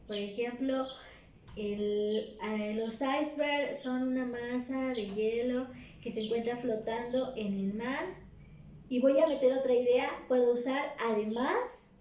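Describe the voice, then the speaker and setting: A woman's voice: a little high, darkish tone, recorded from a distance. A woman teaching a recorded lesson, explaining step by step and dropping in affirming "ajá" and "ujú" as she goes. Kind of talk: recorded exam-prep lesson. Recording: roomy, echoey room.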